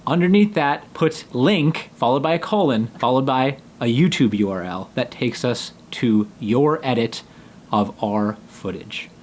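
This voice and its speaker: A man hosting a video, reading out job application instructions in a deliberate, robot-like, step-by-step manner. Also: medium pitch, slight background noise. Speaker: host announcing a job opening. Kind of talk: scripted instructional presentation.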